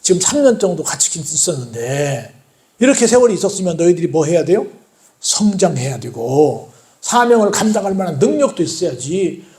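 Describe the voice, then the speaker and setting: A preacher voicing a stern master scolding his followers, exasperated and rebuking, with a high voice that leaps up and down, all ringing through an echoey church sanctuary. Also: a little mellow.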